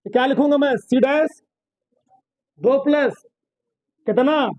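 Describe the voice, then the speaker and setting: A man with a very high voice slowly teaches physics in a classroom, solving problems on a board while drilling his students with repeated questions and lightly scolding them. The recording is dry, close and muffled, with no room echo.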